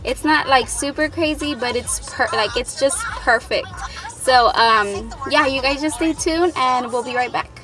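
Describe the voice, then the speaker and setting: A woman's voice: high voice, measured pace, over music, low-quality recording. A young adult woman chatting casually to camera as a family vlogger, recorded on a phone held at arm's length. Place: home living room, later inside a car at night.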